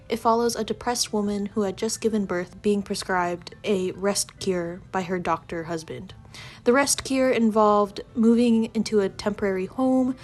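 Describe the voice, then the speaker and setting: A woman's voice: medium pitch, darkish tone. Young woman, congested stuffy voice, casual book vlog, chatty and earnest, faint background music. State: congested from allergies. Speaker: book vlogger.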